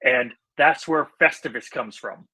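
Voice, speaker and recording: A man's voice: medium pitch, unhurried, bright, forceful tone, poor audio. A man co-hosting a podcast in casual chat, explaining things in an earnest, easygoing way. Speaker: podcast co-host.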